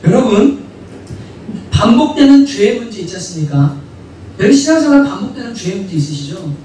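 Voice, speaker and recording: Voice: mid-range voice, very animated, a little fast, dark tone. A pastor preaching a sermon who fires repeated rhetorical questions at the congregation and acts out quoted prayers and dialogue. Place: church sanctuary. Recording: very echoey church hall, distant mic, faint noise.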